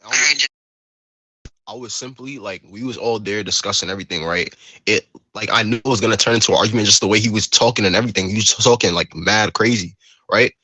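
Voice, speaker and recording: Man, low voice, rapid and rambling, bright tone, dry close sound. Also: husky, no room sound. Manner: rambling, filler-heavy retelling. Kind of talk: in-character roleplay voice chat.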